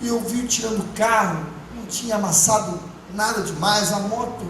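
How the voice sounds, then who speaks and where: A man, a pastor, giving an emotional testimony sermon, moving between hushed and loud. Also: high-pitched, normal speed, noisy background. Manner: impassioned, swinging from hushed to loud. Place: church. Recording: echoey church hall from far off, music behind.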